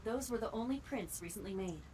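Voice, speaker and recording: A woman's voice: fairly high pitch, lively intonation, fairly quick, mellow, lightly acted. A woman playing a composed, matter-of-fact artificial intelligence partner in a video game, speaking precisely and formally. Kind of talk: English video game voice acting.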